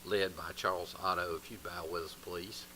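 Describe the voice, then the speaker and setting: A man's voice: low-pitched, level tone, normal speed, bright, forceful tone. A man with a Southern US accent chairing a county commission meeting in an informal procedural way. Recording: very noisy meeting room microphone.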